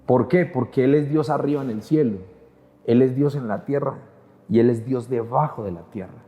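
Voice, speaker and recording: A man's voice: medium pitch, moderate pace, dull audio. A male pastor preaching, telling a testimony with earnest, emphatic repetition. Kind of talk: sermon testimony.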